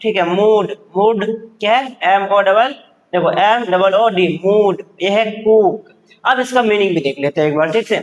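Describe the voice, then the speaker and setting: A man with a high voice teaches English vocabulary in a patient classroom manner. He repeats every word, asks what it means and then answers himself. He drops to a very slow pace for each example sentence. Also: muffled recording. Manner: slows right down to spell out English example sentences. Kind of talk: classroom lesson, word-by-word explanation.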